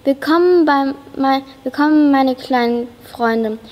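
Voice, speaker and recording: Excited small old chocolate-factory owner read aloud by a girl, high and unhurried, in a reverberant hall. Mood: welcoming. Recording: long reverb of a school hall.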